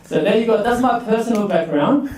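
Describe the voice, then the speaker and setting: Recorded from a distance in an echoey room amid crowd noise, a man in his forties from Burma leads a chatty student workshop as a leadership coach, asking for raised hands. His high voice is animated and a little fast.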